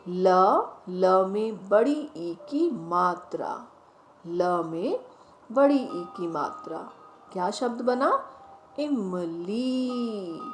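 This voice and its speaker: A woman teacher leading a children's phonics lesson, speaking directly to the children and drawing each word out slowly as she repeats it. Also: mid-range voice. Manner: slow, drawn-out word repetition. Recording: roomy echo, faint music behind.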